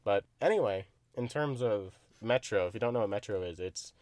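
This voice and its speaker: A young man co-hosting a podcast in casual chat, swearing freely, animated and laughing often. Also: on the low side, a little fast, dry recording, clean studio sound. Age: young adult. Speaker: podcast co-host.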